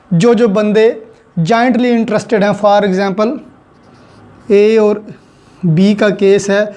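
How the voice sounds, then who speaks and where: A Pakistani law teacher with a high-pitched, mellow voice gives an explanatory lecture in Urdu mixed with English legal terms. His manner is didactic, spelling out points through examples and repetition.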